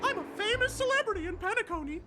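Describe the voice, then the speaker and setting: A woman voicing a small, boastful, excitable cartoon clock mascot in a video game, theatrical and exclamatory, pleading with big drama. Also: extremely high pitch, quick pace, very noisy. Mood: cheerful, boastful. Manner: theatrical, exclamatory, catchphrase-spouting. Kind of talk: animated video game character acting. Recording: music under the voice.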